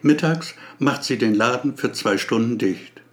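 A man narrating a story aloud in a measured way. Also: medium pitch.

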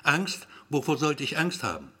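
A man's voice: medium pitch, very animated, unhurried, fairly bright tone, husky, full character voice. A man voicing an anxious, defensive man in his thirties who is waiting to see a doctor. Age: 30s. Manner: tense, defensive.

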